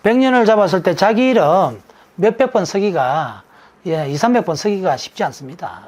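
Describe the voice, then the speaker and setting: Lively, lecturing male monk. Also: high voice, normal speed. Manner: lecturing, asks rhetorical questions and answers them himself; drops into a casual, emphatic sentence ending. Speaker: Buddhist monk who gives naming advice. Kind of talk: explanatory talk in an interview.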